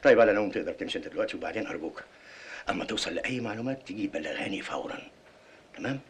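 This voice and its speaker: A man's voice: on the low side, lively intonation, very fast, slightly rough. An actor playing a self-assured male factory owner with an Egyptian accent, speaking in a patronising way. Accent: Egyptian Arabic. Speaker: company boss.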